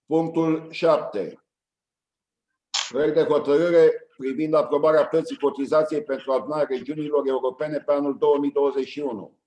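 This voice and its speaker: Man briskly chairing a council meeting. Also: on the high side, low-quality recording. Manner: brisk, reads agenda items in a flat routine. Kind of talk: formal procedural chairing.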